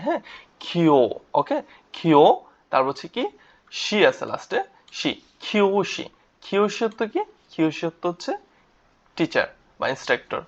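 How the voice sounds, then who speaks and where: Man teaching vocabulary, dull lo-fi sound. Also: a little high. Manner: repeats words, asks and answers his own questions. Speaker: Japanese language teacher. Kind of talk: vocabulary lesson with spelled-out syllables. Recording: dull lo-fi recording.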